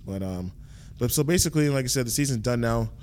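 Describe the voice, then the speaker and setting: Fast-talking young male podcast host. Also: mid-range voice, lively intonation, darkish tone, a little hiss or hum. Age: 20s. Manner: chatty, fast, lots of filler like and obviously. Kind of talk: casual podcast interview.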